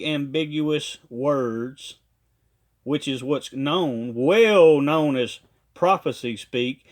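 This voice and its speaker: A man from a ministry giving a critical commentary monologue, talking emphatically and deliberately and repeating his points. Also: on the high side.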